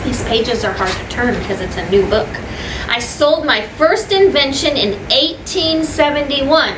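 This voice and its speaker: An unhurried, animated woman with a high voice, she's a teacher reading a story aloud for children, pausing for plain explanations, repeated points and questions to her audience. The audio comes from a distant mic in an echoey room, with background noise plainly heard.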